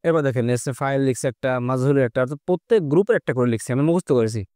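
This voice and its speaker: A man's voice: mid-range voice, expressive, racing, warm tone, smooth, no room sound, studio quality. A man teaching an online class, explaining step by step and keeping his students engaged with constant questions.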